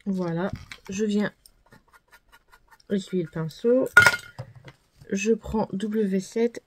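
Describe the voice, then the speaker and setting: A woman's voice: mid-range voice, very slow, noisy background. A woman vlogger chatting casually through a makeup tutorial, self-deprecating and full of fillers and repeated words. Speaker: beauty vlogger.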